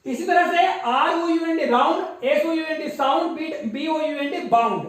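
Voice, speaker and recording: A woman's voice: sits high, unhurried. A woman teacher giving a classroom spelling lesson, spelling words out letter by letter and quizzing her pupils. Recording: very echoey room, mic far off.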